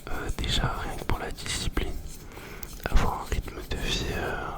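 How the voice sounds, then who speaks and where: A young man doing ASMR, chatting informally in a breathy whisper right in the listener's ear, very close to the microphone. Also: measured pace. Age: young adult. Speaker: ASMR video host. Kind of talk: ASMR, informal question-and-answer chat.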